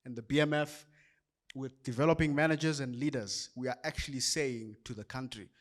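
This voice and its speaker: A man's voice: medium pitch, a little fast. South African man wrapping up an event. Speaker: event host. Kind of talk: closing remarks at an event.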